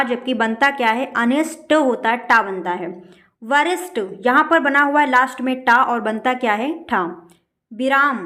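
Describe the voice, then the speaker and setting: A woman with a high-pitched voice teaches a spelling lesson for exam preparation. She goes through each word patiently and sinks her voice on the correct answer. It is a close voice-over. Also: sharp tone.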